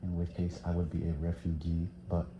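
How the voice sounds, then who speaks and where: A man's voice: low voice, monotone, a little fast, echoey room, dull audio, noisy background. A teenage boy from Thailand answering interview questions casually, hesitant with many fillers. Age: teens.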